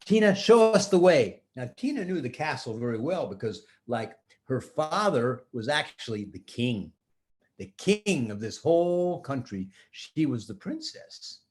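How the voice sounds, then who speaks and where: A man's voice: mid-range voice, sing-song, unhurried. An older man telling a rambling, improvised story to children like a grandfather, often restarting and talking to the listening kids.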